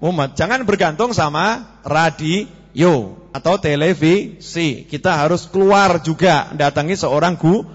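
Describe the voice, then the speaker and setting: Speaking at an unhurried pace in a husky, fairly high male voice, a preacher with a Javanese accent jokes his way through a sermon before a live congregation. He keeps posing questions to the crowd and blends Javanese into his Indonesian. The audio is a muffled, low-fidelity hall capture with lingering echo.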